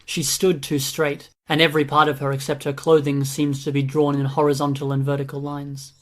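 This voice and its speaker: Audiobook narrator, male, mid-range voice, flat steady delivery. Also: fairly high pitch, fairly quick. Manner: even, steady reading. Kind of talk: scripted narration.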